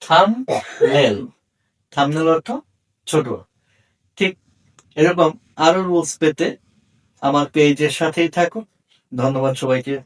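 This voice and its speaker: A man's voice: on the high side, fairly even intonation, a little slow, pauses often, recorded from a distance, poor audio. A man with a Bangladeshi accent, a Bengali speaker, teaching English pronunciation in a short video lesson and spelling words out letter by letter.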